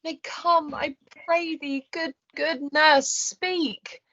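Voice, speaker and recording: A woman's voice: sits high, fairly even intonation, fairly bright tone, highs cut off, full character voice. A young woman playing an eager, impatient girl who presses for news in Shakespearean verse. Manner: pressing, rapid questioning. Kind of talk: Shakespearean stage acting.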